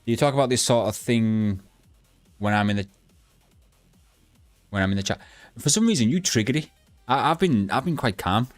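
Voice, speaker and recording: A young man streaming a game, chatting bluntly and rambling with halting restarts to his live chat. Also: mid-range voice, lively intonation, no room sound, soft background music. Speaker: gaming livestreamer.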